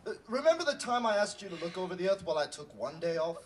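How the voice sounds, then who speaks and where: An exasperated, scolding God with a Cockney accent as a comic performer acts it out. The pitch leaps about in incredulous, indignant swings, and the voice sits a little away from the mic. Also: big pitch swings, fast, distant mic, slight background noise, natural voice. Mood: scolding, amused. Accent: British, Cockney. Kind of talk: comic two-hander dialogue.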